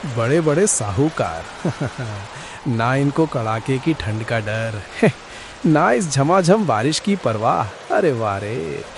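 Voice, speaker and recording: Male actor as a grumbling poor husband in a cartoon, self-pitying, big pitch swings. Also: a little hiss or hum. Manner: self-pitying, sighs and laments, flares up when accused. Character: poor grumbling village husband, bitter about fate.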